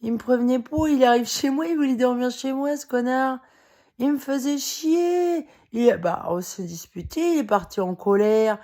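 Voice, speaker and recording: A woman's voice: a little high, moderate pace, few pauses, warm tone. A very tired woman talking in a casual monologue, rambling and heated, full of fillers, swearing and short laughs. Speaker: vlogger. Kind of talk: casual spoken monologue to camera.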